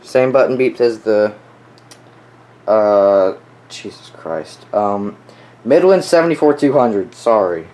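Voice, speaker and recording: A young man who collects weather radios shows off his collection in a casual, unscripted way, offhand yet enthusiastic. His low, mellow voice is expressive and slow, with frequent pauses, on a clearly noisy home recording.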